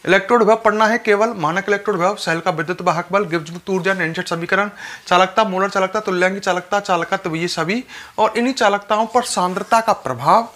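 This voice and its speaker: A man's voice: sits high, fairly bright tone. Man teaching chemistry, repeating points. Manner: repetitive, instructive, addresses students directly. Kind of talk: classroom lecture.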